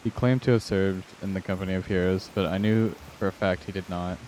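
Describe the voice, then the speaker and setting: A man's voice: low voice, fairly even intonation, brisk, a little mellow, a little hiss or hum, lightly acted. A man voicing a haughty, self-important employer from a fantasy game, reading out formal lines in a pompous manner.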